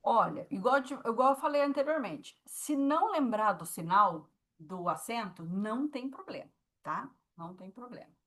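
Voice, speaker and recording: A woman's voice: a little high, animated, normal speed, a bit bright. A woman with a Brazilian Portuguese accent teaching a sign language class, explaining patiently and checking in with her students often.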